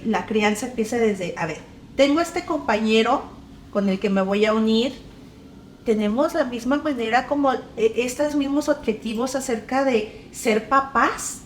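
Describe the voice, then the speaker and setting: A woman with a Mexican accent hosting a casual conversation, animated, acting out scolding parents. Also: a little high, reverberant, slight background noise. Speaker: podcast host.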